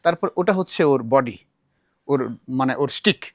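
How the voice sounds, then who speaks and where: A man's voice: medium pitch, moderate pace, no echo, studio quality. A man from Bangladesh teaching a recitation class, patiently explaining and repeating words aloud to model how they are said. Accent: Bangladeshi Bengali. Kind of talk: classroom lesson.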